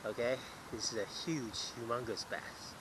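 A man with a medium-pitched voice narrates a casual fishing vlog while filming his catch on a head-mounted action camera. Standing on a pond bank outdoors, he talks haltingly, with lots of fillers and repeated words, over background noise.

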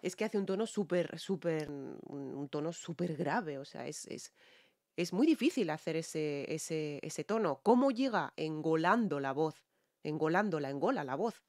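A woman with a Spanish accent breaks down singing technique for her viewers. Her voice sits on the low side and she keeps checking that they follow along. The recording is close and dry. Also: expressive, moderate pace, a little mellow, dry recording. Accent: Spain Spanish. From Spain. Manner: explanatory, checks in with viewers often. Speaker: singer and vocal coach. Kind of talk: song reaction and vocal analysis.

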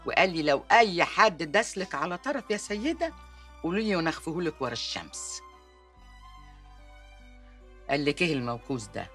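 A bossy, bright-voiced Egyptian aunt. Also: female voice, deep voice, very animated, racing, soft background music. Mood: commanding. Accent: Egyptian Arabic. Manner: commanding, interrogating, blunt. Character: bossy, protective neighborhood aunt. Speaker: aunt questioning her niece.

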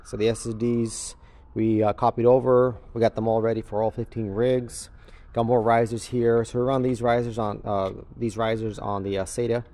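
Walking through a large warehouse with a concrete floor, a crypto mining farm operator films on his handheld camera or phone and explains things casually and without a script. He has a warm, medium-pitched voice with a level tone and a moderate pace, and his manner is matter-of-fact.

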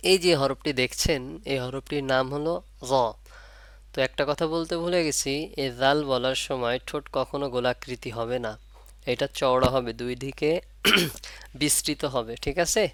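A man's voice: mid-range voice, steady tone, fairly bright tone, no echo. A man teaching Arabic letters for Quran reading, repeating each point and asking his pupils questions. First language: Bengali. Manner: drawn-out demonstration of letter sounds. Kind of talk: online Arabic letter lesson.

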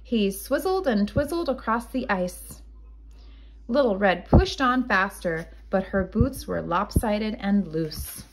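A woman teacher reads a children's picture book aloud in an expressive, deliberate storytelling style. Her voice is medium-pitched, and the poor-quality audio carries slight background noise.

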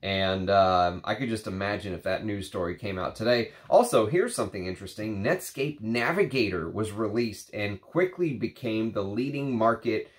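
This perfume reviewer, a man in his thirties, chats to camera in a home room with shelves of perfume bottles, rambling along with lots of fillers. His lowish voice is animated and slightly nasal from a cold's congestion, moving at a moderate pace with few pauses.

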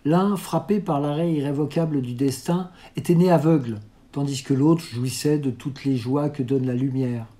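A reader narrating a classic novel aloud in a measured, unhurried literary reading. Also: mid-range voice, steady tone, warm tone. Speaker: audiobook reader.

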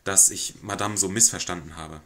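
A man's voice: sits low, steady tone, normal speed, bright, forceful tone, a little hiss or hum. A man voicing a sly, mock-humble male lodger who wheedles and pities himself, reading a stage play aloud. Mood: wheedling.

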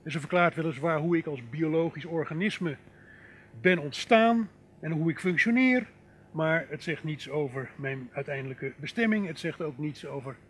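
A middle-aged man gives a thoughtful public lecture in a lecture hall, pausing with fillers and turning to the audience now and then. His voice sits a little high. A faint rumbling noise runs under the recording. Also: fairly bright tone. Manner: reflective, many fillers and asides to the audience. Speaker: philosopher giving a public lecture.

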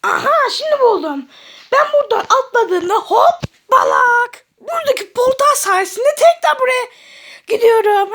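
A goofy, easily rattled male cartoon character, voiced by a woman. The voice sits extremely high and squeaky, full of loud exclamations. He swings between panic and giggles. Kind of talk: cartoon voice acting.

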